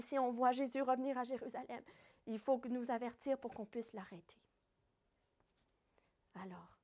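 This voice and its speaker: High-voiced French woman telling a Bible story. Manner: lively storytelling with small acted quotes. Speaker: Sunday school teacher. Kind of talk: Bible story retold for children.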